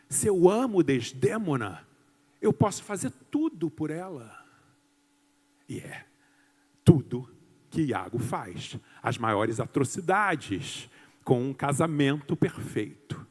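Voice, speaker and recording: A man's voice: fairly high pitch, a little mellow, big-room sound. A man giving a lecture-style talk to an audience, theatrical and emphatic, explaining terms step by step.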